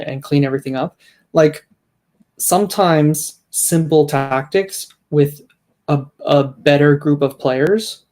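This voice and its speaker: A man's voice: on the high side, a little mellow. A man co-hosting a sports podcast in casual chat, emphatic as he argues his points, with frequent restarts. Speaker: podcast co-host.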